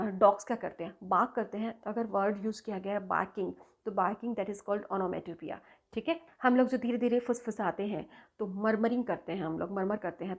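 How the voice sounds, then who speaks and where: A patient woman English teacher explains grammar terms in a classroom lesson, mixing Hindi and English and checking often that students understand. She reads English definitions slowly, word by word, in a medium-pitched, slightly mellow voice on lo-fi sound.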